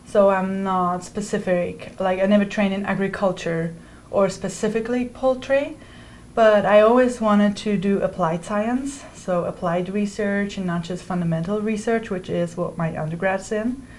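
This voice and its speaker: A young Swiss woman, a PhD student, answers interview questions about her research in an indoor university room. Her medium-pitched, darkish voice stays steady at normal speed, and she phrases things carefully with some restarts. There's slight background noise.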